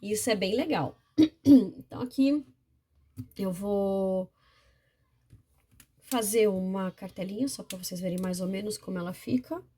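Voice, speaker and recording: A woman's voice: mid-range voice, measured pace, pauses often, mellow, husky. A woman teacher with a Brazilian Portuguese accent, explaining a classroom game step by step in a patient, chatty way, often checking in with her viewers. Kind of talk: instructional video demonstration.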